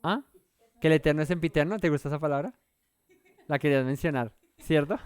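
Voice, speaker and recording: A man's voice: a little high, a little fast, clear, resonant tone, no echo. A man leading an interactive Bible study, talking in a conversational way and often asking the listeners questions. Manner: conversational, thinks aloud.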